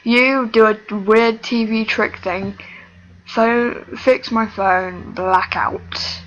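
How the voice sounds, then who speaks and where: A woman voicing a gruff, sleepy young male killer with a raspy voice, in a fan fiction read aloud. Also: mid-range voice, a little slow, a bit bright, highs cut off.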